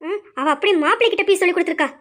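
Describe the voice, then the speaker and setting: A woman's voice: very high-pitched, rapid-fire, a bit bright. A woman voicing a scheming middle-aged mother who coaxes her son in an amateur audio drama. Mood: coaxing. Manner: coaxing, conspiratorial.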